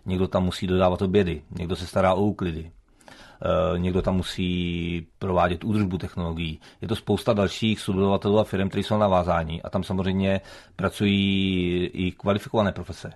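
A man with a very deep voice speaks with little rise and fall in a studio debate. His delivery is formal and hesitant, with frequent pauses as he defends his view. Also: flat delivery, darkish tone.

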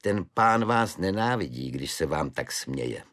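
A good-natured soldier chatters on in a raised, easy voice, matter-of-fact and cheerful whatever the subject. He talks unhurried and sure of himself, as a male narrator puts him on in a storybook reading. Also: deep voice, sing-song, fairly bright tone. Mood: chatty. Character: good-natured, blithely unfazed soldier, adult man.

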